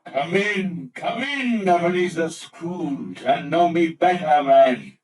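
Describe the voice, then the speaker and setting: An actor playing a jolly giant Christmas spirit in an old radio drama, booming and commanding. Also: male voice, lively intonation, takes it slowly, far from the mic. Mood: hearty. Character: jolly giant male Ghost of Christmas Present. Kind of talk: 1940s radio acting.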